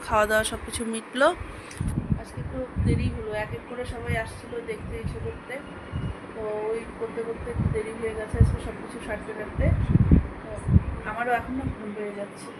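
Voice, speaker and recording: A woman's voice: fairly high pitch, level tone, brisk, pauses often, very noisy. A woman in her thirties, a mother chatting casually through her daily vlog at home, rambling from one errand to the next. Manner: chatty, rambling, switches to soft talk. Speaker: vlogger and mother.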